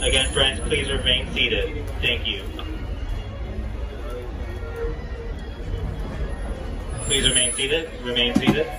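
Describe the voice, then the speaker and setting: A man's voice: mid-range voice, steady tone, moderate pace, over music. Guy doing a station announcement like at an airport, polite n folksy, echoey and far off. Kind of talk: public transport announcement, like an airport announcement. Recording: echoey, distant public-address sound.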